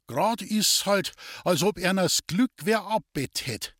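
A village messenger in a storybook voiced by a man, drawing out his words in dialect. The voice rises above the narration and keeps a husky grain. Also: high voice, lively intonation, a little slow, fairly bright tone, dry recording, studio quality, pitched above the performer's own voice, heavily acted. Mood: wistful, confirming.

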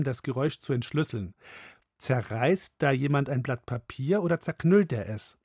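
A man's voice: medium pitch, breathy edge, no echo, studio quality. Man explaining things to kids. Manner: direct, addresses listeners, quizzing. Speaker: host explaining to children.

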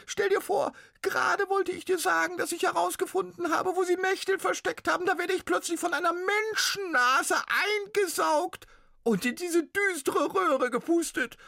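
A man voicing a trapped male ghost in a storybook reading, with a very high, squeaky, shrill voice. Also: normal speed, gravelly, pushed and bright, no room sound, studio quality, heavily acted. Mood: frantic.

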